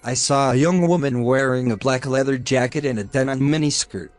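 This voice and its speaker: Man, horror narration, scripted, steady, soft background music. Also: medium pitch, a little fast. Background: faint music.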